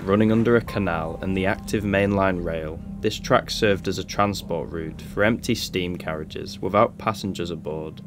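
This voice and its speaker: Low-voiced man narrating an exploration vlog. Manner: calm, measured storytelling. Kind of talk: scripted documentary voice-over. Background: background music.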